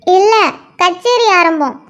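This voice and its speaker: Super squeaky cheeky young girl voiced by a woman, sassy and defiant, cartoon. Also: lively intonation, slow, dull audio, exaggerated voice. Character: feisty young female student defending her friend.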